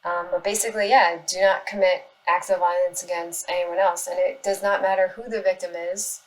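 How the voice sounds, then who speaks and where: A woman giving casual spoken commentary in response to online comments, arguing insistently and earnestly, with halting pauses as she looks for her words. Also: on the low side, steady tone, poor audio. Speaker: animal rights activist responding to comments.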